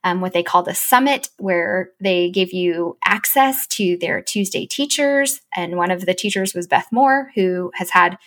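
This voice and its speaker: A woman guest in a podcast interview tells a long personal story at an easy, steady pace. Her pitch sits in the middle of the range, and she lifts it sharply, sometimes very high, when she acts out her own excited words. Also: measured pace, few pauses. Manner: animated, gets high and excited when quoting herself. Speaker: chief operating officer.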